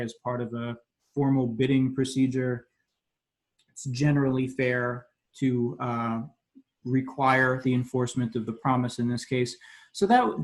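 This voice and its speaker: A young man walks through legal ideas in a relaxed, explanatory way. His voice sits at an ordinary middle pitch, and he often pauses on "um" and "uh" while he restarts his sentences. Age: young adult. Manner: casual and explanatory, with frequent "um" and "uh" fillers and quick restarts. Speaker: law student explaining a flowchart. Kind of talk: informal video lesson.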